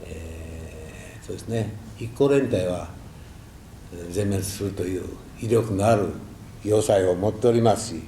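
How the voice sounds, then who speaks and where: An older man giving a reflective, halting temple talk drawn from his own memories, with folksy asides. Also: low voice, warm tone. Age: 60s or older. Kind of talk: sermon with personal war recollections. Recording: echoey room, faint background noise.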